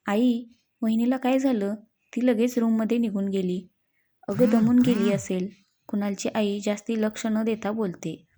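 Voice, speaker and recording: A woman narrating a drama story aloud in a steady, plain manner. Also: fairly high pitch.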